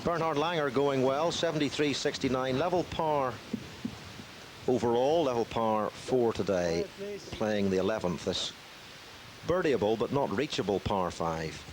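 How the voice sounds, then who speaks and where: A man giving measured live television golf commentary, with dry, wry asides. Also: mid-range voice, lively intonation, a crowd in the background.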